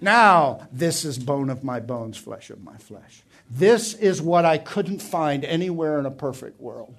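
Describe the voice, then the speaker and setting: A middle-aged man preaching a sermon as pastor, with an emphatic, varied delivery. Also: medium pitch.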